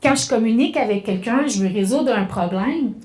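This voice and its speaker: A middle-aged woman with a Québécois French accent giving a spoken lesson on communication, talking conversationally and slowing down to act out examples. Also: fairly high pitch, lively intonation, darkish tone, reverberant. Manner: conversational, acts out examples with slowed, stressed phrases. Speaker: communication workshop speaker.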